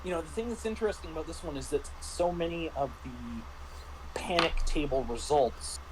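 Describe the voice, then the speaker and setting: Over a very noisy background, a middle-aged man reviews a tabletop RPG as a game master in casual chat. He's animated and brisk in a slightly high voice, stammering and repeating words while explaining things.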